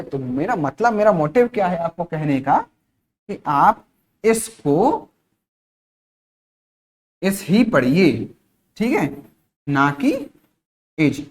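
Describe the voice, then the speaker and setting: A male teacher from India leads a spoken-English class. He drills each word slowly and repeats it, poses questions and answers them himself, and adds short check-ins throughout to keep students with him. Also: a little high. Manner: repeats words slowly, asks and answers his own questions; frequent checking-in tag phrases.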